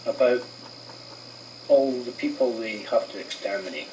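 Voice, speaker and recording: A man talks slowly and hesitantly, stopping to restart his sentences. He sits well back from the microphone. A faint hiss runs under the replayed clip. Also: mid-range voice, far from the mic. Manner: slow, halting, hesitant. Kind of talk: video clip being responded to.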